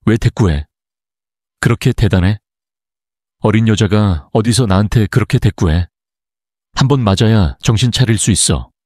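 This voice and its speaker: A man's voice: fairly low pitch, normal speed, pauses often, a little mellow, no room sound, studio quality, natural voice. A man voicing a hot-tempered, bullying older brother-in-law who scolds and threatens. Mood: angry.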